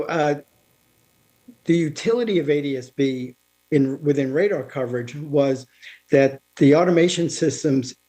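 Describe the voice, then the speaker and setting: A man giving an informal technical talk over a remote call, halting, with many restarts and fillers. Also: on the high side, dark tone. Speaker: guest speaker on aviation technology. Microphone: remote video call.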